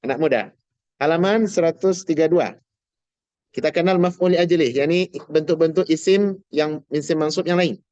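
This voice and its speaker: A man teaching an Arabic grammar class online, patiently quizzing his students and drawing out example words slowly. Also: a little high, darkish tone, no room sound, muffled recording. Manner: patient, asks students questions, slow drawn-out example words.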